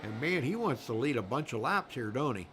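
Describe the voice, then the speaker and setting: A man's voice: medium pitch, sing-song, brisk, a bit bright, slight background noise. A man doing live race commentary in a rambling, folksy way, full of fillers. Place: commentary booth at a racetrack.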